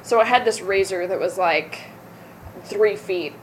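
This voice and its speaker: A woman's voice: mid-range voice, a little slow, a little hiss or hum, low-quality recording. A young woman from the American South, an actor chatting in an interview, talking loosely, correcting herself and laughing easily. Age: young adult. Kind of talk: casual interview.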